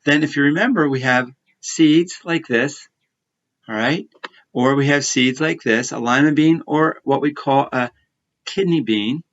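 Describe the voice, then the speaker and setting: A man of medium pitch talks in a kindergarten teacher voice. He explains and narrates for preschoolers in simple, repeated phrases. The recording is a little dull. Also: a little slow, a bit bright. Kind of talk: science lesson and story for preschoolers. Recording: slightly muffled lo-fi audio.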